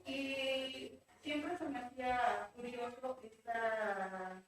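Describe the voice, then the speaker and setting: A woman's voice: a little high, fairly even intonation, very slow. A young woman from the audience, speaking hesitantly with many fillers. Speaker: audience member. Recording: very echoey room, far from mic, faint noise.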